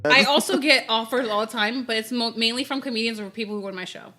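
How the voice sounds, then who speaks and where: A woman's voice: a little high, quick pace, sharp tone, soft background music. A young adult woman hosting a comedy podcast, chatting candidly and mocking herself. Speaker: podcast host. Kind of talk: casual chat.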